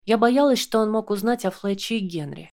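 A woman narrates an audiobook in the first person. Her reading is calm and measured, an even storytelling voice. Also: mid-range voice.

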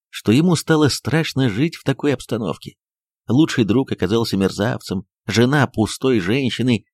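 A man narrating a novel as an audiobook, reading in an expressive, dramatic storytelling manner. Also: medium pitch, no echo, clean studio sound.

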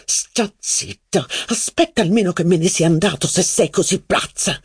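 An audiobook reader voicing a jealous, irritable young aristocrat who talks low and urgently, a little husky, in a dry room. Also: normal speed, darkish tone, dry recording, close to an everyday voice. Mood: irritated. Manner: urgent, low, partly whispered. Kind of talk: audiobook character reading.

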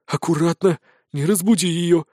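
A man voicing a cautious, serious male mage who speaks in a hushed, wary way. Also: fairly high pitch, lively intonation, fairly quick, no room sound, studio quality, natural voice.

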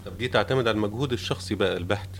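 A man's voice: on the low side, racing, creaky, a little hiss or hum. A man with an Egyptian accent interviewing a guest on an archival radio program. He asks short, polite prompting questions. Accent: Egyptian Arabic.

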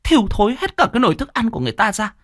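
A high, shrill village mother who scolds and swoops through her lines, put on by a male storyteller. She speaks in a lively, complaining manner. The recording is dry and close. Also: rapid-fire, dry recording, exaggerated voice. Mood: exasperated.

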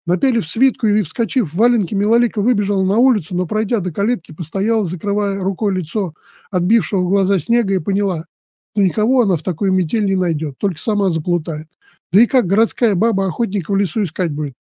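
A man reads a folk tale aloud at a measured, steady pace. His voice sits high with a mellow, soft tone. The recording is dry, with no room sound. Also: no room sound. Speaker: storyteller. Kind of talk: storybook reading.

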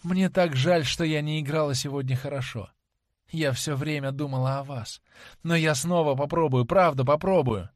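A man voicing a young woman stage actress, lovesick and imploring, tender and dreamy, slowing on heartfelt words in an audiobook reading. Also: fairly high pitch, no echo, clean studio sound, natural voice. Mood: pleading.

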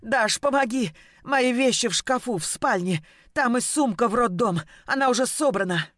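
A woman reading an audiobook, voicing a young pregnant woman in labor who pleads and shouts frantically in pain. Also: a little high, lively intonation, moderate pace, dry recording, clean studio sound, voice pushed up. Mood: frightened.

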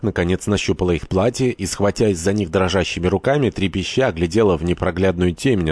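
A man narrating a historical novel as an audiobook, in a measured, dramatic reading. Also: deep voice, darkish tone, no room sound. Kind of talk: scripted literary narration.

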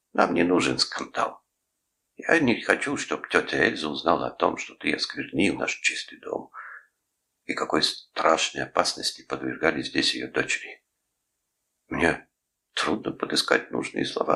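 A male reader voicing a pompous, sanctimonious middle-aged uncle who lectures his nephew in drawn-out phrases. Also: extremely low pitch, creaky, pushed and bright, exaggerated voice. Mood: falsely polite.

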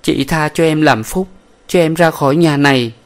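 A man's voice: a little high, moderate pace, voice pushed up, close to an everyday voice. A man voicing a distraught young woman in an audiobook, pleading and tearful. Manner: pleading, sobbing. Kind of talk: audiobook character voice.

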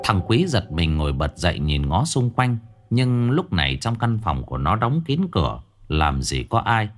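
A man's voice: big pitch swings, moderate pace. A man narrating a ghost story dramatically, dropping his voice for suspense. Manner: dramatic, drops pitch for suspense. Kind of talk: scripted narration. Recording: faint background music.

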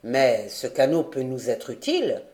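A composed nobleman speaks in short, low replies, as a woman reading the novel puts him on. His voice is calm and mellow. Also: measured pace. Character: noble Scottish lord, composed leader.

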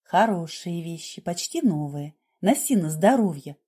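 A woman voicing a blunt middle-aged nurse who lectures brusquely, in a husky voice. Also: fairly low pitch, lively intonation, a little slow, dark tone. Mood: matter-of-fact.

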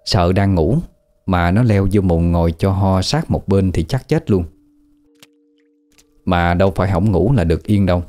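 Dark-voiced man telling a ghost story. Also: low voice, normal speed, long pauses. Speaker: narrator. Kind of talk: scripted ghost story narration.

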